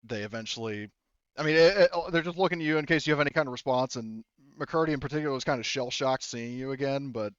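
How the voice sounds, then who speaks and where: Running a tabletop game as game master, a man speaks in a clean, smooth, fairly bright voice of ordinary pitch. His narration is halting, informal and full of swearing. The sound is dry and slightly dull, without room sound.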